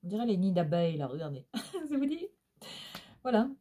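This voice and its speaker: A woman's voice: medium pitch, very animated, moderate pace, dark tone. A middle-aged woman from Réunion with a Réunionese Creole accent, chatting casually at home about used-up beauty products, full of fillers and tag questions. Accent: Réunionese Creole French. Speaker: beauty vlogger. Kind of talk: casual product review chat. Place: at home, indoors.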